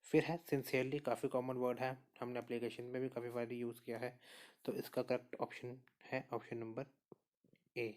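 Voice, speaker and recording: A man's voice: mid-range voice, normal speed. A man teaching an exam prep lesson, working through spelling questions one by one and often checking back with "okay". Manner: steady explainer, repeats answers and says "okay" often. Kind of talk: spoken lesson walking through quiz answers.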